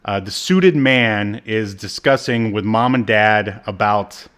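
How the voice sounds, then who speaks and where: Speaking slowly in a fairly low, smooth voice with a fairly bright tone, a man on a podcast gives a loose, rambling recap of a TV episode. He fills it with ums and uhs and performs the characters' quoted lines.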